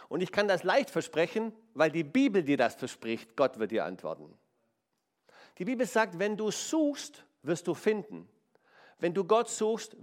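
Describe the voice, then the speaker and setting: A man preaching a sermon in an emphatic style, repeating key phrases. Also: sits high. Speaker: pastor.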